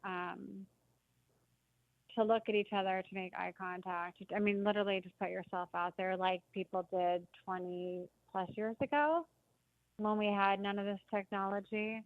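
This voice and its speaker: A woman calls in to a talk show with her phone held away from her mouth, so her voice sounds faint and far off. The phone line is thin and tinny, and the sound is dry with no room around it. She rambles quickly with lots of fillers. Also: medium pitch, steady tone, dry recording. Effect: phone held away from the mouth, faint and distant. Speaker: professional matchmaker, phone-in guest.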